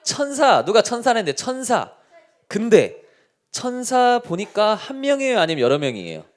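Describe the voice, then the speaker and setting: A male pastor leads a children's sermon, throwing question after question at his young listeners. His delivery is highly animated, with pitch jumping all over. His voice is slightly high for a man. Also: moderate pace. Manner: lively, keeps asking the children questions.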